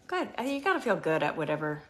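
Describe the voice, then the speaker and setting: Chatty woman in her fifties, lower voice. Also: very animated, quick pace, a bit bright. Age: 50s. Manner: chatty, with frequent ums. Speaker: beauty show host. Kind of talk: casual product demonstration.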